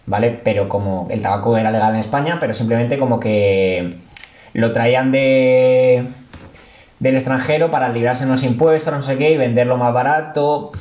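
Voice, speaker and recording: A man's voice: mid-range voice, moderate pace, a little mellow, dull audio. Rambling man in echoey room. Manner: rambling, filler-heavy storytelling. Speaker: podcast guest. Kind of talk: casual podcast chat.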